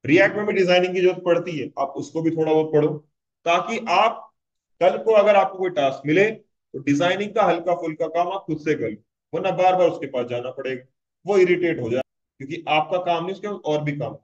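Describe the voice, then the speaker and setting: A man teaching a casual web development tutorial, talking conversationally and often checking "clear?" with his students. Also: on the high side, a little fast, muffled recording.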